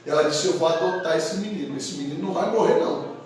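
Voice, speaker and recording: A proud young royal woman, firm and decisive, in a fairly high voice, as a man puts her on. The sound is very echoey and heard from far off, as if recorded across a large hall. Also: fast talker, darkish tone, natural voice.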